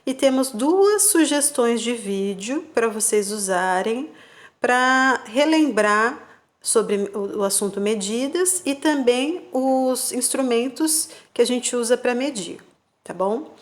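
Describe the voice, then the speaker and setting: A woman teacher, giving patient, slow remote-class instructions to young children and spelling out syllables. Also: a little high, lively intonation. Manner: checks in with "tá bom?" and "combinado?". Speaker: primary school teacher.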